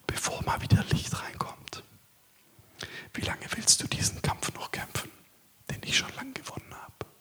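A man delivers a sermon as a guest preacher, dropping for long stretches into a hushed, intimate whisper. His tone is very breathy and husky, and his voice sits a little high for a man. Between the whispers he declaims loudly and slowly.

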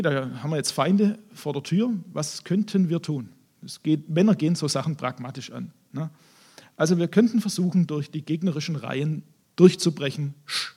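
A man preaches a sermon, retelling a Bible story with lively, dramatic flair. His voice sits fairly high and sounds husky. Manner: animated storytelling, acting out scenes in voices.

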